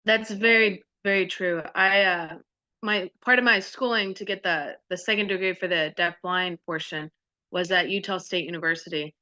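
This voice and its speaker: Bright-voiced Texan woman on a dull call line. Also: fairly low pitch, steady tone, moderate pace, no echo. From Texas. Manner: enthusiastic, with frequent "uh" fillers. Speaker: deafblind intervener specialist. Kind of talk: online group discussion. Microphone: video call. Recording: dull, dry video-call audio.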